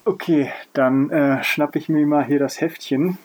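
A man's voice: a little high, unhurried, background noise. A man co-hosting a podcast, chatting jokingly and then reading a story aloud. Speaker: podcast co-host. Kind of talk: casual chat and story reading.

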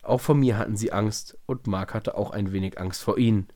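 Low-voiced guy reading a kids story, steady, really dry close sound. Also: fairly quick, dry recording. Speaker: podcast host and storyteller. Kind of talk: storybook reading and casual chat.

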